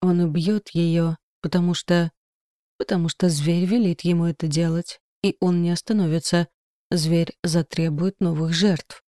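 A woman's voice: fairly low pitch, steady tone, unhurried, dark tone, no room sound, clean studio sound, lightly acted. A woman voicing an eager young male spirit trainee who speaks in an agitated, insistent way. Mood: anxious, urgent.

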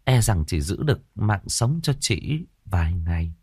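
A man voicing a tired young village healer woman who speaks calmly and haltingly. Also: sits low, husky, dry recording, clean studio sound, full character voice. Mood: weary. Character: young female village healer, weary and calm.

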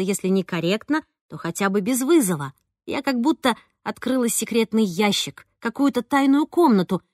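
A woman narrating a first-person audiobook in an expressive storytelling manner, recorded close on a studio mic. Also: medium pitch, dry recording.

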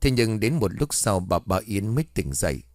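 A man narrating a horror story in a steady, measured storyteller's way. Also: lowish voice, no echo, clean studio sound.

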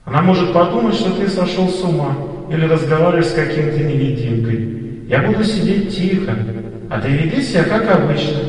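Мужчина, изображающий кроткого призрака покойной жены. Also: male voice, a little high, animated, a little fast, darkish tone, heavy reverb, big-room sound, distant mic, pitched above the performer's own voice, close to an everyday voice, low-quality recording. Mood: gentle. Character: ghost of a murdered wife, gentle and forgiving.

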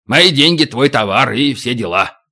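A man's voice: mid-range voice, animated, moderate pace, bright, forceful tone, heavily acted. A man doing a coarse bandit chief. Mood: gruff. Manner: rough slangy drawl. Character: coarse blunt male bandit chief, streetwise.

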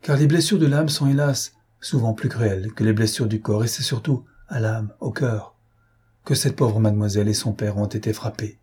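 A man's voice: fairly low pitch, moderate pace, a little mellow, husky. A man putting on an anxious old aunt. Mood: solemn. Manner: pleading, soothing. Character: anxious elderly aunt and governess, tender.

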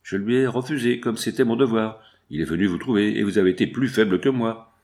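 A man voicing a stern, rough factory foreman. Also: fairly low pitch, fairly quick, darkish tone, natural voice. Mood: reproachful. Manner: curt, stern.

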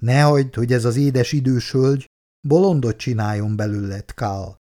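A man's voice: mid-range voice, dark tone, close to an everyday voice. A man voicing a playful, teasing young woman in an audiobook.

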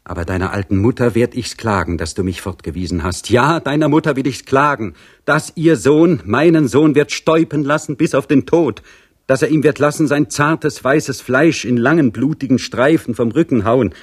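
A man's voice: fairly low pitch, lively intonation, unhurried, darkish tone, slightly rough, voice pushed up. A man voicing an old serf woman, a grieving mother pleading with force and conviction for her son. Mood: lamenting. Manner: pleading, insistent, impassioned.

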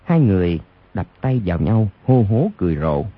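A man's voice: sits low, very animated, fairly quick, husky. A man narrating a martial arts novel as an audiobook on radio, reading expressively. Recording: lo-fi radio recording.

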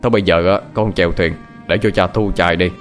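Man doing a gentle poor fisherman father. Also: deep voice, steady tone, quick pace, soft background music, pitched below the performer's own voice, natural voice. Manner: soft, reassuring, fatherly.

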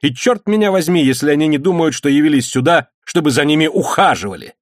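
A man voicing a sharp-tongued male ship's mate, stern and scolding. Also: a little high, expressive, fast, dry recording, clean studio sound, voice pushed up, close to an everyday voice.

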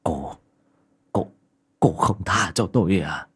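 A sleazy village shaman, as a storyteller plays him, drags out his words low and slow. His voice sits deep and a little distant, and he is greedy, lecherous and quick to grovel. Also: animated, a bit bright, full character voice. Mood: pleading. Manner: sneering drawl, later whimpering.

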